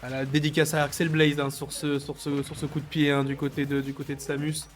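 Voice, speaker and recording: Higher-voiced male esports analyst. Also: completely flat delivery, brisk, slight background noise. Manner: chatty analytical colour commentary, joking asides. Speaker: esports co-commentator. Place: esports venue. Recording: faint music underneath. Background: faint music behind the voice.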